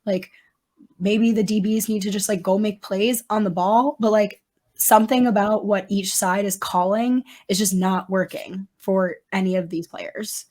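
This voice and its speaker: A woman with a hoarse voice that is nearly gone gives casual, frustrated and emphatic sports commentary as a podcast guest, peppered with "like". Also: medium pitch, steady tone, a little slow, a little mellow. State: hoarse, has lost voice.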